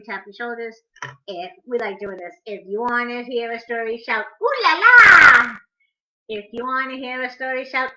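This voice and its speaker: Reading to preschoolers in her living room, a middle-aged woman speaks in a high-pitched, sharp, sing-song voice with lots of emphasis. The sound comes through a webcam or laptop mic at arm's length, giving dull audio with an echoey room.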